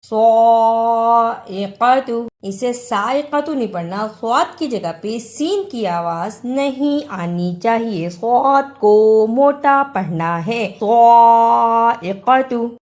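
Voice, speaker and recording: Female recitation teacher, high voice, very slow measured chanting, quick explanations. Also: expressive, darkish tone. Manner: chants verses slowly, then explains rules quickly. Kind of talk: slow recitation lesson with spelled-out letter drills.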